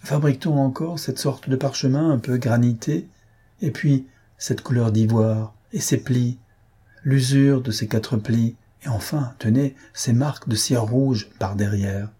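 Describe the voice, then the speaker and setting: A man voicing a sharp young male detective who reasons aloud step by step. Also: medium pitch, fairly even intonation, unhurried, breathy edge. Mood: reasoning.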